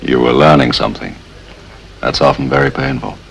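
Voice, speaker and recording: Casting: suave gentleman thief, film drama, very low gravelly voice, understated and wry, noisy soundtrack. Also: lively intonation, a little fast, heavily acted. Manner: suave, understated, dryly teasing. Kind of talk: film dialogue acting.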